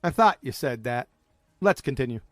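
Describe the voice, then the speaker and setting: A man's voice: mid-range voice, animated, normal speed, no echo. A man giving mocking commentary on clips in a smug, sarcastic manner. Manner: smug, sarcastic mockery with name-calling. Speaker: video commentator.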